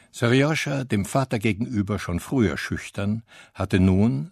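Gravelly low-voiced male audiobook narrator. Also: dry recording, clean studio sound. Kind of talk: scripted narration.

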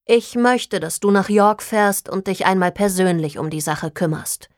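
A woman voicing a female detective agency owner who speaks in a polite, measured, businesslike way in a storybook reading. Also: medium pitch, no room sound, clean studio sound, natural voice.

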